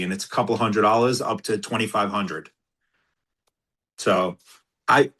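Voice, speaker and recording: A former police officer recounting courtroom stories in a casual interview, acting out the quoted dialogue. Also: male voice, fairly low pitch, a bit bright, husky.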